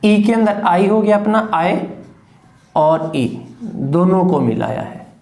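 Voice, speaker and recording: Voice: medium pitch, expressive, slow, warm tone, roomy sound. An English teacher giving a phonetics lesson, saying each word again and again and setting the right pronunciation against the wrong one.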